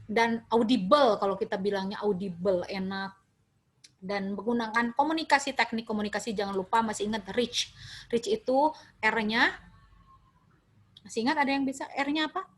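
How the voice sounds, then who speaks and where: A woman with a Sundanese accent giving a classroom lecture, lively and quizzing her students, slipping in Sundanese and English words. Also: on the high side, moderate pace, long pauses.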